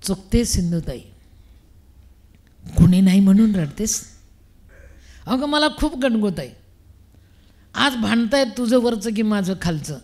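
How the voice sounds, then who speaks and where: A calm, wise spirit of a dead man speaks through the story, as an older woman puts him on. The voice is steady and consoling and stays close to her own voice. It has the feel of a voice heard at a cremation ground. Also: medium pitch, a little slow, pauses often.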